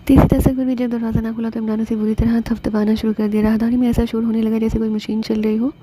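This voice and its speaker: A woman narrating a novel as an audiobook, telling the story in a steady way. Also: a little high, fast talker, slightly rough, poor audio.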